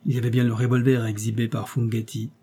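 A man narrating a serialized crime novel as an audiobook, with measured, dramatic reading. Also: mid-range voice, little pitch movement, mellow, slightly rough.

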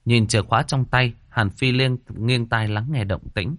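A man narrating a horror fantasy novel as an audiobook with expressive, suspenseful storytelling. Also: mid-range voice, moderate pace, no echo, clean studio sound.

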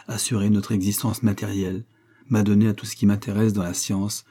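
A passionate young idealist, voiced by a man reading aloud, speaking in impassioned bursts. The tone is low, dark and a little husky, only slightly raised from the narration. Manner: impassioned outbursts.

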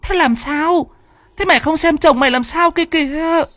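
A man doing a shrill old woman, sharp-tongued mother-in-law, very high falsetto, dry close sound, audiobook story. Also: normal speed, dry recording. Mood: scolding. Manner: scolding, shrill.

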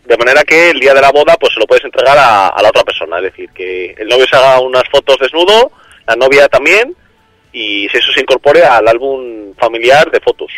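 A man's voice: medium pitch, animated, fairly quick, fairly bright tone, dry recording, soft background music. A man calling in to a radio show, heard over a phone line, talking casually with hesitant restarts and fillers. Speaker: radio call-in listener. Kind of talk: casual call-in chat.

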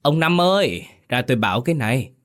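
A man doing a tired gentle village wife. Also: low voice, normal speed. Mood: calling out. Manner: hesitant, soft-spoken. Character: middle-aged village woman, tired, gentle.

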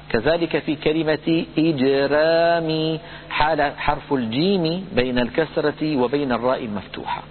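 A man giving a recitation lesson, explaining pronunciation rules in a calm lecture and chanting example words slowly. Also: on the high side, a little hiss or hum. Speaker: Quran recitation teacher. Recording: tinny phone-like lo-fi audio.

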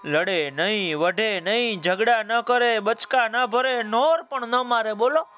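High-voiced, unhurried male storyteller. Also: pushed and bright, smooth. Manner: playful, sing-song, addressing children. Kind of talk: children's storytelling.

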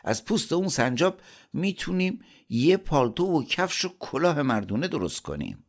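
A man voicing a clever, cheerful young male traveler who speaks calmly and confidently. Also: a little high, pitched above the performer's own voice. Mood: sly.

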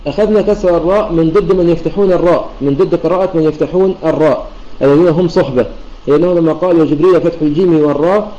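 A man with a somewhat high, dark and mellow voice talks quickly through an online religious lesson. He explains methodically, circling back to restate each point. The sound is dull and lo-fi, like a computer mic in a voice chat room. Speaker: Quran recitation teacher.

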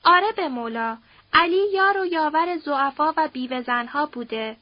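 Woman voicing a gruff greedy ex-strongman. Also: high voice, animated, no room sound. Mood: boastful. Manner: gruff slangy street talk. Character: coarse middle-aged male ex-strongman, greedy and crude. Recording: dull dry audiobook recording.

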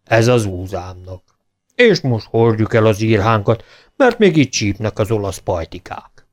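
Storybook bear gentleman, greedy and boastful, grumbly, read by a man, lively pitch. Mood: grumbling. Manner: grumbling, smacking lips.

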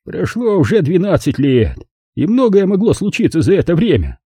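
Man voicing a haughty rough-voiced German count. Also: sits high, very animated, moderate pace, mellow, no room sound, clean studio sound, pitched above the performer's own voice, full character voice. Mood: mocking. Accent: slight German. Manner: lazy, condescending, teasing. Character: bald, heavy, haughty German count, mocking.

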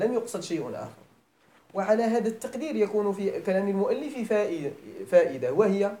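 A man's voice: high voice, darkish tone. Moroccan guy teaching grammar in an echoey classroom, voice bounces up and down a lot, keeps asking if everyone gets it. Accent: Moroccan Arabic. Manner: explains step by step, repeats phrases, checks students' understanding; switches between formal Arabic and Moroccan dialect. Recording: echoey room.

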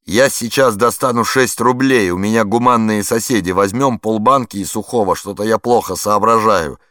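A man's voice: lowish voice, normal speed, a bit bright, no room sound, studio quality, pitched above the performer's own voice, close to an everyday voice. A man reading an audiobook voicing a nervous, hungover former prison guard turned linguist, with flustered, increasingly frantic pleading.

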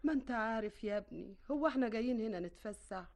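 A woman's voice: fairly high pitch, animated, very fast, vocal fry, a little mellow. An anxious, indignant Egyptian mother. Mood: worried, indignant. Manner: exclaiming, indignant. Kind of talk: radio drama acting.

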